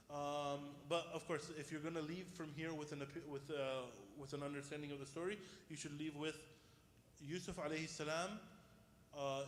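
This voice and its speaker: A male religious teacher with a fairly high voice leads an informal class. He explains step by step, putting questions to listeners and restating key points. The room is very echoey, with faint background noise. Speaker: Islamic teacher. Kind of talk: informal interactive religious lesson. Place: indoors in a reverberant room.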